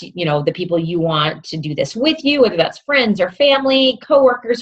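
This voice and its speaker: A woman's voice: mid-range voice, breathy edge, lo-fi sound. A woman fitness coach giving upbeat, encouraging advice to new coaches, often checking in with her listeners. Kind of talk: instructional talk to new coaches.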